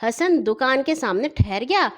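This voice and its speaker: A woman narrates a funny children's story in an expressive, animated way. Her voice is fairly high and swings widely in pitch.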